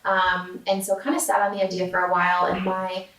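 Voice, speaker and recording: A woman's voice: fairly low pitch, flat delivery, brisk, fairly bright tone. Woman, 20s, casual interview guest, filler-heavy, echoey room. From San Diego, California. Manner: chatty, with many filler words and "like". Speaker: guest, food company founder. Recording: roomy sound, distant mic.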